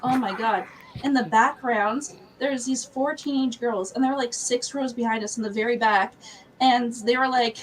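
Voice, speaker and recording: A woman co-hosting a live stream in casual chat, telling stories in an animated, profane rant and laughing often. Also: fairly high pitch, normal speed, slight background noise, low-quality recording.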